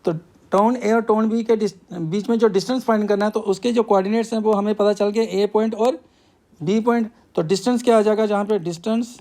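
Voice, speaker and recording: A man's voice: sits high, steady tone, fairly quick, dark tone. A male math teacher, working through a problem step by step and asking himself questions before he answers them.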